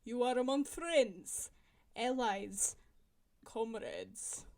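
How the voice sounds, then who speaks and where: A sly undercover bartender, secretly a Soviet agent, in an audio drama, played by a woman. She speaks slowly, in a fairly high voice, polite on the surface and commanding underneath. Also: lively intonation, darkish tone, heavily acted. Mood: conspiratorial.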